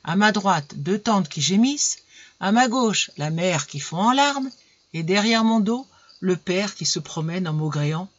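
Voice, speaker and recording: A woman reading a classic novel aloud in an expressive storytelling style, jumping in pitch for the characters. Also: measured pace. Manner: lively, voices characters with pitch jumps. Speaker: audiobook reader. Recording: dull lo-fi recording.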